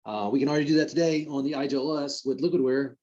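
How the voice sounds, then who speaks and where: A man with a Southern drawl hosts a casual tech podcast, talking fast and easily. His tone is chatty and a little self-deprecating. The audio is a bit dull and lo-fi. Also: mid-range voice, steady tone, a little mellow. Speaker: podcast host.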